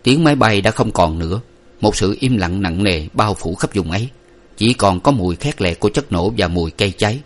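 A man narrating a story aloud with a steady, expressive reading style. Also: on the low side, fairly quick.

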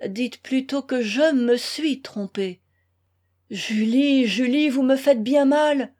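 Read by a woman, a desperate young man in a storybook pleads with anguished passion. His words come slow and heavy, in a slightly high register. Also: a little mellow, close to an everyday voice.

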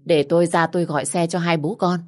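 A woman's voice: lowish voice, fairly even intonation, fast talker, a little mellow, natural voice. A woman voicing a stern, bossy but caring older relative who scolds and insists. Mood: persuading.

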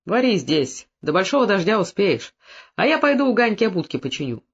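A man's voice: high voice, very animated, brisk, a bit bright, husky, dull audio, full character voice. A man reading aloud voices an older peasant father who talks plainly and good-naturedly. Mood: easygoing.

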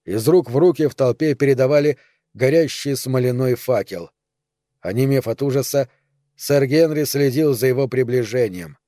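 A man narrating a novel in a steady, measured storytelling manner. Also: mid-range voice, dry recording, studio quality. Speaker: audiobook narrator. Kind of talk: scripted narration of a dark historical novel.

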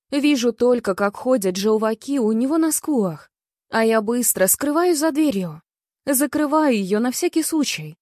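Higher-pitched woman reading fiction. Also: darkish tone, dry recording, studio quality. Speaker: audiobook narrator. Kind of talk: first-person fiction narration.

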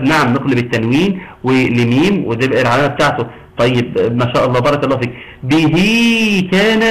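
A man's voice: medium pitch, a bit bright, poor audio. A man with an Egyptian Arabic accent teaching a Quran recitation lesson, quizzing students and encouraging them with frequent pious phrases. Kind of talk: online Quran tajweed lesson.

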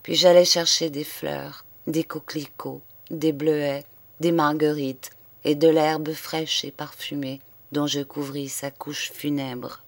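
A woman narrates a literary story as an audiobook. Her voice sits low and moves slowly, with grave, measured phrasing. The recording is dry and close. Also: little pitch movement, dry recording. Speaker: audiobook reader.

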